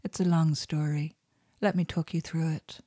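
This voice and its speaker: Woman doing a calm, soothing man. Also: a little high, normal speed, no room sound, studio quality, natural voice. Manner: soothing, even and unflustered. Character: calm, steady middle-aged man on the phone.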